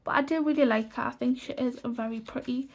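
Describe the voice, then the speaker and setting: Her voice is high-pitched and darkish, and she speaks a little fast as she pages through a colouring book. The young host of a colouring channel is congested from a cold, and her casual chat wanders, full of restarts and repeated "like" fillers.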